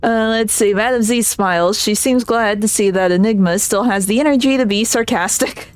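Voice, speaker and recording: A woman's voice: mid-range voice, normal speed, smooth, no room sound. A woman streamer reading game text aloud on stream, casual and giggly, tripping over words now and then.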